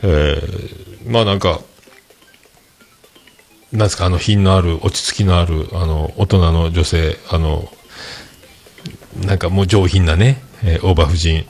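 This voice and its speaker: A man with a who hosts a podcast, telling a story casually and acting out the dialogue with lively energy. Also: deep voice, measured pace, long pauses. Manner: animated, acts out quoted dialogue. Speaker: podcast host.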